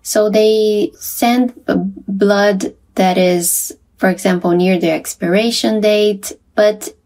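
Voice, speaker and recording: A woman's voice: mid-range voice, steady tone, takes it slowly, darkish tone. A woman journalist telling a podcast host about her visit to a facility, chatty, with light laughs and small restarts. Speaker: science journalist reporting from a visit. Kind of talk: conversational podcast interview.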